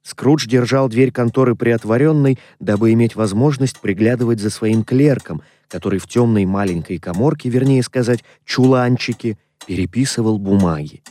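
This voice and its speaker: A man narrating a classic story in a measured, expressive way. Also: medium pitch. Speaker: audiobook narrator. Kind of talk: scripted literary narration.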